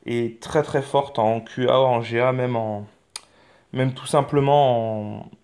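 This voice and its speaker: A man's voice: mid-range voice, steady tone, slow, a little mellow. A man hosting a mobile game channel, talking through his game in casual commentary, rambling and hesitant, with many fillers, restarts and mild swearing. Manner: mild swearing, frank and offhand.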